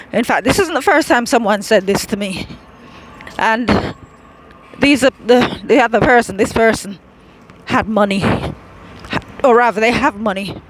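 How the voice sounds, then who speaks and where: Slow-talking woman vlogging outdoors. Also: medium pitch, slight background noise, poor audio. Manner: rambling, with many fillers and restarts. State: slightly out of breath from walking. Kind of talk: casual chat while walking.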